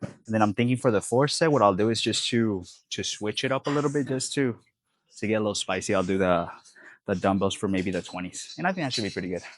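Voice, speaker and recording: Between gym sets, a stuffy-nosed young man sniffles through a casual vlog, laid-back and rambling with lots of fillers. He speaks fast in a lowish voice, with no room sound.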